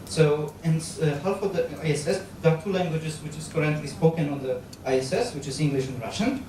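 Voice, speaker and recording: A Polish-accented man in his thirties, a guest lecturer on astronaut training, speaks on stage into a handheld microphone, halting with frequent fillers, restarts, gestures and pauses. His fairly high, warm voice rings through a very echoey hall. He is captured from far off over a clear background hum.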